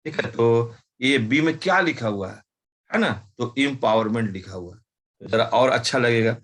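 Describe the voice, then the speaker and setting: A man teaching a live class, dictating slowly, spelling words out letter by letter and often adding short checking questions. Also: medium pitch, a bit bright. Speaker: commerce teacher.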